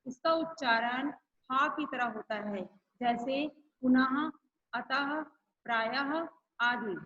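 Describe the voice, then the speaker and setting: A woman's voice: a little high, bright, forceful tone, dull audio. A woman teacher giving an online grammar lesson to schoolchildren, repeating each rule and example. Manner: slow, repeats each point and example for pupils.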